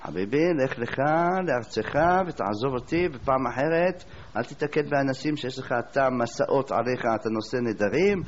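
A man's voice: mid-range voice, slight background noise, pitched below the performer's own voice, lightly acted. A male preacher voicing a clever young wife who urgently scolds her husband. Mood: scolding. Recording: dull lo-fi recording.

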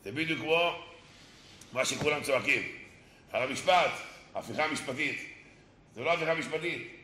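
A man giving a Torah sermon, animated, acting out dialogue and mimicking people. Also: fairly high pitch. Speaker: rabbi. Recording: echoey room, faint noise.

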